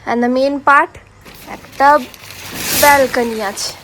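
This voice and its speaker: A woman's voice: high voice, fairly even intonation, slow pace, a bit bright, a little hiss or hum. A woman gives a hotel tour in casual vlog narration. She gushes with praise and fills her talk with "মানে". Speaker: travel vlogger. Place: hotel room and grounds.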